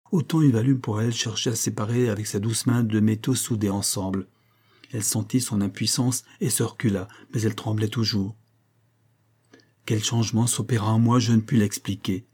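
Husky-voiced male audiobook narrator. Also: lowish voice, warm tone. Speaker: audiobook reader. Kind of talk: first-person audiobook narration.

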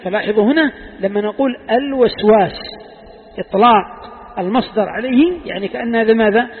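A man's voice: high-pitched, a little fast. A man teaching a Quran commentary lesson, asking his students questions and repeating the key phrases. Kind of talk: classroom tafsir lesson. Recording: tinny lo-fi recording with long hall reverb.

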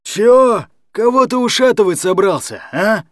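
A man voicing Staryi, a gruff hungover ex-convict. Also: sits high, expressive, measured pace, no echo, clean studio sound, voice pushed up. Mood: menacing. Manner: rough, whining then threatening. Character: hungover aggressive ex-convict man, pushy drunk.

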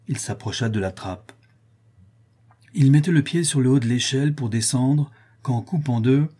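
A man reading an audiobook novel aloud in an expressive storytelling manner. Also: medium pitch, breathy edge. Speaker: audiobook narrator. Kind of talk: scripted audiobook narration.

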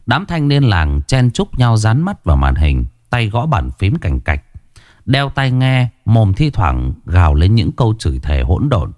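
Brief: male storyteller, somber scripted ghost tale, deep tone, dry close sound. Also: big pitch swings, a little slow, darkish tone, dry recording.

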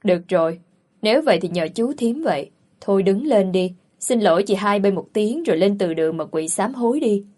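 Storybook: calm mother of a rich house, measured and gentle; woman reading, husky tone. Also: mid-range voice, lightly acted. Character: calm older mother, wealthy family matriarch.

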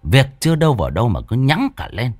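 Male horror narrator, dramatic, wildly swinging pitch, dry close sound. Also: big pitch swings, quick pace, darkish tone, dry recording. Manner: dramatic, vivid storytelling. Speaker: storyteller.

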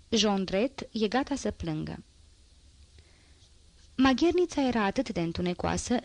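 A woman reads a classic novel aloud at a steady, even pace. Her pitch sits in a middle range. The recording is dry and close, with no room echo. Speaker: audiobook narrator. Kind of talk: scripted novel narration.

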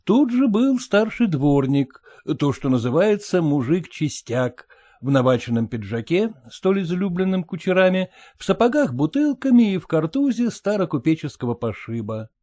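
A male narrator reading a classic story aloud in an expressive, storytelling manner. His voice is fairly high, and his intonation is lively and varied. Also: moderate pace, no room sound.

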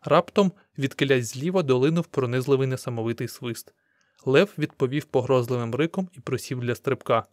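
Man reading a novel aloud, steady. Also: mid-range voice, a little fast, dry recording, clean studio sound. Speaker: audiobook narrator. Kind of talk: scripted narration.

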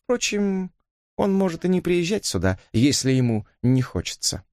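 A man reading an audiobook, voicing a shy, earnest young woman who speaks quietly. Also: a little high, very animated, moderate pace, dry recording, studio quality, voice pushed up. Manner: soft-spoken.

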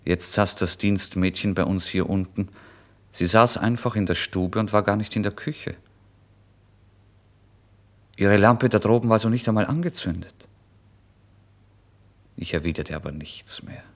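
Deep-voiced male literary narrator. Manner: measured, dramatic first-person telling. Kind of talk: literary reading.

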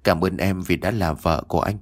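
A man's voice: deep voice, fairly quick. A man voicing an injured, grief-stricken young husband in an audio story, distraught and self-blaming. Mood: gentle.

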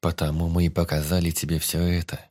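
A man voicing a gentle, wise male celestial being who speaks slowly and soothingly. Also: low voice. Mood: gentle consoling. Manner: slow, calm, soothing.

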